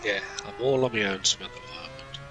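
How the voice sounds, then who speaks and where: A man's voice: mid-range voice, fairly quick. A man chatting along as a co-commentator on an online race, making dry, teasing remarks. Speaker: co-commentator and fellow racer. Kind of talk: casual banter. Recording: noisy game audio behind voice.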